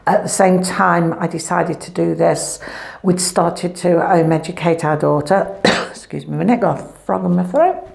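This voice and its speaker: A woman's voice: on the low side, moderate pace, gravelly, a little mellow. A woman, rambling chattily in a casual family vlog, her voice echoing in an empty room at home through a clip-on microphone. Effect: echoey empty room. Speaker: family vlogger.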